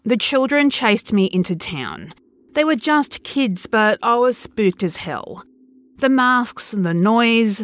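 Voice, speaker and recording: A woman narrating a first-person horror story in an expressive reading. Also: mid-range voice.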